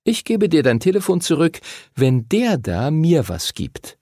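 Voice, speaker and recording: Male reader voicing a cheeky storybook girl, high, slightly raspy. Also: huge pitch swings, unhurried, warm tone, no echo, studio quality, exaggerated voice. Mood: coaxing. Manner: coaxing, teasing. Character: sly, cheeky young girl.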